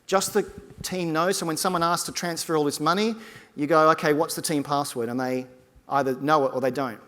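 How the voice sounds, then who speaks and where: A man delivering a conference keynote as a speaker, talking to the audience in an energetic, conversational way. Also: fairly high pitch, brisk. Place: large conference hall stage. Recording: long hall reverb from a conference stage.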